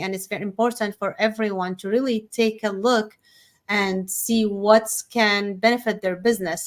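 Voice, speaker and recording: A woman's voice: medium pitch, fairly bright tone. A woman hosting a podcast, upbeat and chatty, laughing easily with her guest. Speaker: podcast host. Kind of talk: casual interview conversation.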